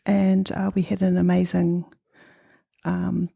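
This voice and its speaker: A woman's voice: lowish voice, flat delivery, slow, vocal fry, dark tone, lo-fi sound. A middle-aged woman from New Zealand with a New Zealand accent, answering interview questions in a thoughtful, hesitant way. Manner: thoughtful, hesitant, many ums. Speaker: guest artist.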